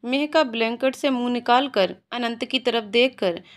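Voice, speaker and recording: A woman storyteller reading a romance story in scripted narration, at a steady, even pace. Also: on the high side, moderate pace.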